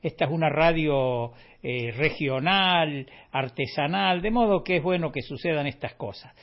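A man hosts a regional radio show, talking in a chatty, wry way and leaning on tag questions. His voice sits slightly high for a man. The feed sounds dull and lo-fi. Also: normal speed. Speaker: radio host. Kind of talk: casual radio talk.

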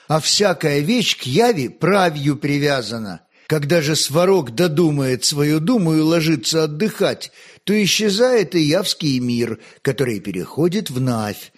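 A man's voice: a little high, husky, exaggerated voice. A man reading aloud, voicing an earnest, studious boy prince who recites his answers like a lesson.

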